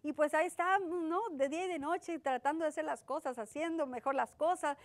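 A woman's voice: high voice, brisk, dry recording. A woman with a Mexican accent giving a conversational sermon, repeating her phrases and often asking "¿verdad?". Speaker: preacher.

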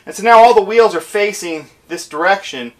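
A garage DIY channel host reviews tools casually in his cluttered home garage workshop, talking practically and thinking aloud with fillers. His voice is high-pitched and fairly bright, at a moderate pace.

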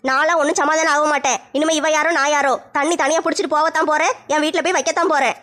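A woman's voice: high voice, steady tone, very fast, fairly bright tone. A woman playing a stubborn village mother-in-law, blunt and scolding.

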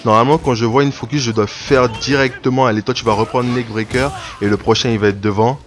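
A man giving casual play-by-play commentary on his own online fighting game matches, rambling, restarting his sentences and breaking into sudden excited outbursts. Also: mid-range voice, quick pace. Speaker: gaming video creator. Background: game music.

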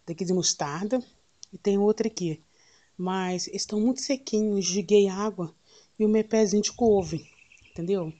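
A woman with a Brazilian Portuguese accent, vlogging casually outdoors at home on a handheld phone, tender and cooing, often dropping to a soft near-whisper. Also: medium pitch, normal speed. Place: outdoors at home in strong sun. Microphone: phone camera held while filming.

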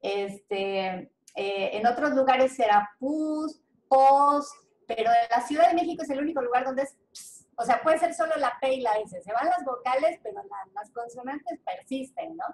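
A woman's voice: fairly high pitch, moderate pace. Mexican woman, linguist guest, chatty demonstrative delivery, echoey room. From central Mexico. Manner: animated, demonstrates pronunciations, many fillers. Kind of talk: explanatory interview talk.

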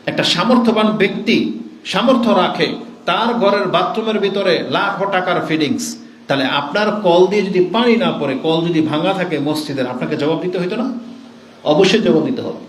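Echoey preaching man, higher-pitched. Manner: rhetorical questions, mocking impressions of other preachers. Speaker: Islamic preacher. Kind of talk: sermon. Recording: echoey room with faint noise.

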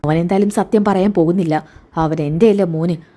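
A woman's voice: fairly low pitch, fairly quick, close to an everyday voice. A woman voicing a defiant, suspicious mother. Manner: sharp, probing, defiant retorts.

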